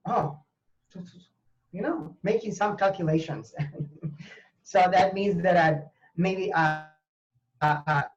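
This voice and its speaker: A man from Venezuela, a language teacher talking earnestly as a guest, often pausing and restarting. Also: fairly high pitch, muffled recording. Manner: earnest, hesitant with many fillers and restarts. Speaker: language teacher, university professor. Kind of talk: conversational interview.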